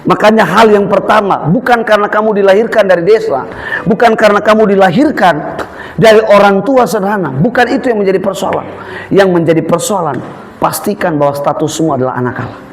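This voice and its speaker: A man's voice: high voice, brisk. A man preaching a sermon, telling stories with humor and acting out voices. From Eastern Indonesia. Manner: lively, humorous storytelling with mimicked voices. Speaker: pastor.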